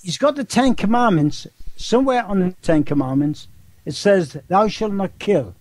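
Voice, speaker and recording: In this casual phone-style interview, an older man with a Geordie accent talks at a moderate pace in a high, animated, darkish voice. He rambles, repeats words, and throws in rhetorical questions, and there's no echo.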